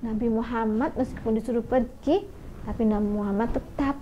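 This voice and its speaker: A woman telling a children's story live on radio, lively and speaking straight to her young listeners. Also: on the high side, fairly quick, a little hiss or hum. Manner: lively, addresses listeners directly. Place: radio studio. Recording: muffled radio studio audio.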